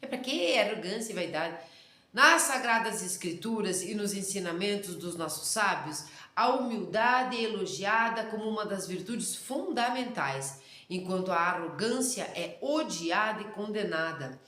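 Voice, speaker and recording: A woman with a Rio Grande do Sul interior accent giving a casual religious lesson, talking fast, loud and intensely. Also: medium pitch, lively intonation. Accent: Rio Grande do Sul interior Brazilian Portuguese. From interior of Rio Grande do Sul, Brazil. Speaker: Torah teacher. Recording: roomy echo.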